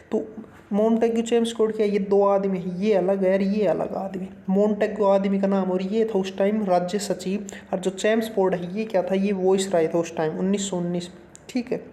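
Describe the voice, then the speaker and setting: In a roomy, echoing recording, a man with a mellow, warm, high-sitting voice leads a casual exam-prep lesson. He's folksy and chatty, calls the viewer "brother," and mixes English terms into his Hindi explanations.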